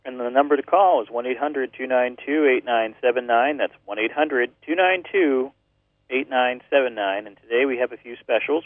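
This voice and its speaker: A man's voice: medium pitch, dry recording. A man co-hosting a radio show, plainly announcing class times, a phone number and specials. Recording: narrow dry phone-like radio audio.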